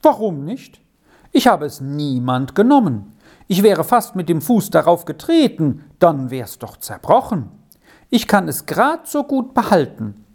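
A woman's voice: on the low side, sing-song, a little slow, a little mellow, husky, voice pushed up, full character voice. A woman voicing a cocky, scheming young herd boy in a storybook reading, talking in a brash, coaxing, sly way.

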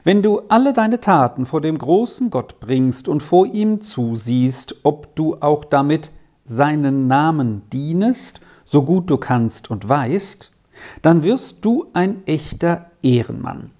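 A reader voicing a kindly, fatherly village pastor who admonishes gently in an old-fashioned tone. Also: mid-range voice, expressive, takes it slowly. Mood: earnest. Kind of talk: audiobook reading of a character.

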